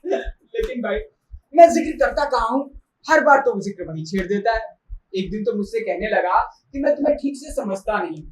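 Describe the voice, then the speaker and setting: A woman's voice: on the high side, lively intonation, moderate pace, a little mellow, a little hiss or hum, natural voice. A woman playing a teasing jovial husband. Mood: playful. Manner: playful, teasing, quoting with mock grandeur. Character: teasing good-humoured husband, gossipy. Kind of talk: stage play acting. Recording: roomy hall from far off.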